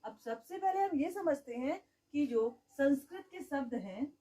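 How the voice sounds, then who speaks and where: A woman's voice: high voice, expressive, unhurried, warm tone, recorded from a distance, rough recording. A woman teaching a grammar lesson. She keeps asking the class questions and answering them herself, and she says "okay" often.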